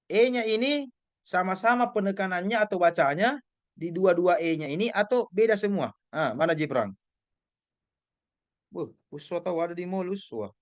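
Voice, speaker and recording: A man giving an informal class lecture, animated and teasing, questioning his students. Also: high-pitched, moderate pace, long pauses, dry recording.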